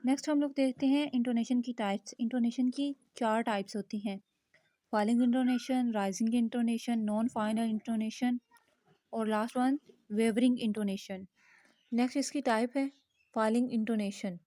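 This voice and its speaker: A woman teaching a linguistics lesson, patiently explaining each point and slowly reading out English examples. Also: a little high, steady tone, warm tone, no room sound.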